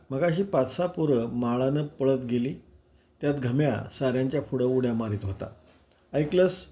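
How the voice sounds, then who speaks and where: Man from Maharashtra, novel reading, steady storyteller, acts the dialogue. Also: mid-range voice. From Karad, Maharashtra. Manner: measured storytelling with acted dialogue. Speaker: novel reader.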